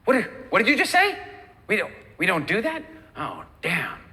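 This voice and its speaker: A man voicing a mischievous male food devil who squeaks in disbelief. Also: wildly swooping pitch, normal speed, sharp tone, full character voice. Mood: shocked.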